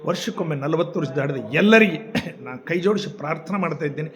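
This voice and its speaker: A man's voice: a little high, animated, fast. Older man pleading earnestly. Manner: pleading, repeats requests politely. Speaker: kidney patient giving health advice. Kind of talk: earnest public appeal.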